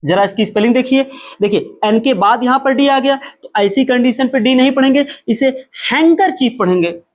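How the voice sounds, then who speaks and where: A man teaching a spoken lesson, explaining emphatically, asking and answering his own questions, and repeating example words slowly and drawn out. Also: very high-pitched.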